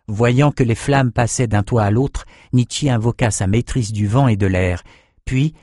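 A man narrating a fantasy audiobook with even, measured storytelling. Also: fairly low pitch, no room sound, clean studio sound.

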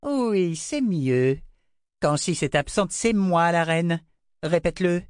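A man reading an audiobook, voicing a vain, cruel queen with a shrill, imperious manner. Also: expressive, slow pace, clear, resonant tone, no room sound, studio quality. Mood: haughty, cruel. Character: vain cruel middle-aged queen, hysterical and haughty.

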